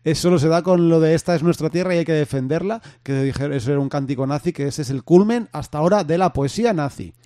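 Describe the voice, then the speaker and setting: A man trading dry, deadpan quips in a casual podcast chat. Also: on the high side, fast talker, hardly any pauses, no echo.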